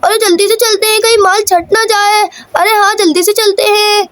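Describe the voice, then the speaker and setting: Woman voicing a cartoon mother doll: excitable and exclamatory, very high voice. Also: moderate pace. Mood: excited.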